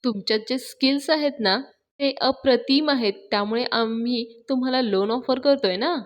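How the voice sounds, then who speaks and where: A woman's voice: a little high, normal speed, natural voice. A woman voicing a probing young female loan officer, quoting her questions in a serial recap. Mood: coaxing. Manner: coaxing, pressing questions. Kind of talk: acted quotes in a serial recap.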